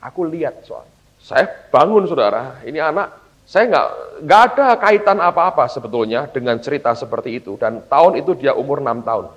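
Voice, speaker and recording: A middle-aged male pastor tells a family story from the pulpit, speaking at an ordinary pitch and turning often to his listeners. The recording is dull and lo-fi, with the top end muffled. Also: fairly quick. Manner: addresses listeners as "saudara", acts out dialogue. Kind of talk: sermon storytelling.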